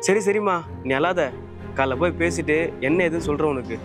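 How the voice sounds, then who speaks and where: An actor playing a caring, brotherly young man who speaks in a gentle, coaxing way. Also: on the high side, brisk, natural voice. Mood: concerned. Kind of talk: drama dialogue. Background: music.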